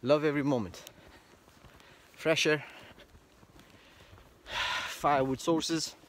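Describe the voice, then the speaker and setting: A man's voice: on the high side, fairly even intonation, takes it slowly, slight background noise. A man vlogging casually as he walks outdoors on a snowy rural property, thinking aloud with lots of fillers. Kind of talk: casual walk-and-talk vlog. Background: faint outdoor rural ambience.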